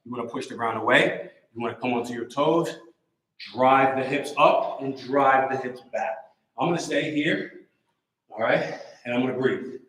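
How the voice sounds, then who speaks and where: A man coaching a live workout, energetic and encouraging, repeating short cues while a little out of breath. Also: mid-range voice, moderate pace. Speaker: fitness coach. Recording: roomy echo.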